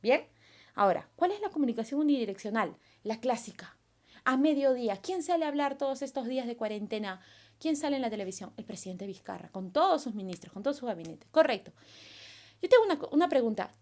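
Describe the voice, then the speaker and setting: A woman's voice: on the high side, fast. A woman teacher from Peru, giving a recorded class lesson and firing questions at her students. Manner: animated, asks students questions and acts out their replies.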